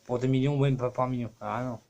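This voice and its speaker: A man's voice: mid-range voice, steady tone, fast, gravelly, a little mellow, highs cut off, slight background noise. A man talking casually to his camera for his own channel, rambling and cursing with many fillers. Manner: rambling, profane, full of fillers. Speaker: YouTuber.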